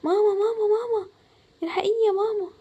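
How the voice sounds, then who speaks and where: A woman's voice: very high-pitched, little pitch movement, very fast, warm tone, dull audio, a little hiss or hum, pitched above the performer's own voice. A woman with an Egyptian Arabic accent voicing a frightened young schoolgirl who talks in a panicky, pleading way. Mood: panicked.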